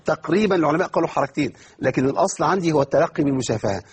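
An Egyptian-accented man runs an online Quran recitation lesson in Egyptian Arabic, speaking fast in a very husky, slightly high, animated voice. He keeps questioning himself and supplying the answers, and he stretches words slowly to show how they sound.

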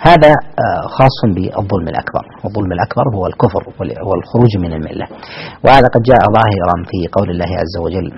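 A man's voice: low voice, expressive, rapid-fire, creaky, lo-fi sound, slight background noise. A man giving religious teaching as a scholar in formal standard Arabic, didactic and repeating key phrases for emphasis.

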